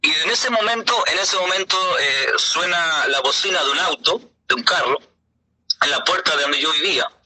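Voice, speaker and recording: A middle-aged man, a pastor, telling his personal faith testimony in an earnest, halting way with many hesitations. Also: on the high side, pushed and bright, poor audio.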